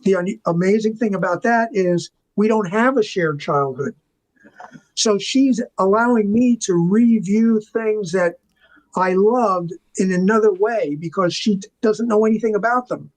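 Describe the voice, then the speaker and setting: An older man with a high voice, speaking unhurriedly, chats casually as an interview guest. He tells stories with enthusiasm and wanders into asides, and the recording is rough.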